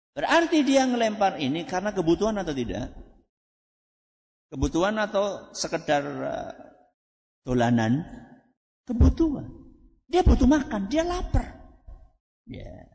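A man giving a religious lecture as a preacher. He asks the audience questions and answers them himself, and he recites Arabic phrases slowly before explaining them. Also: on the high side, darkish tone, long reverb tail.

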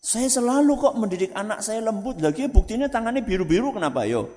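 A man with a Javanese accent, an ustaz giving an animated religious talk to parents, often asking the audience rhetorical questions. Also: high voice, fast. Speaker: ustaz, Islamic preacher. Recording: reverberant hall.

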